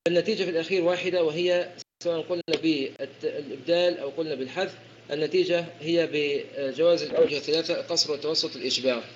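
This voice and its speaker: A man's voice: fairly high pitch, fairly even intonation, racing. A man teaching the rules of Quran recitation in an explanatory lecture, often repeating and correcting himself as he goes. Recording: dull lo-fi recording with faint hiss.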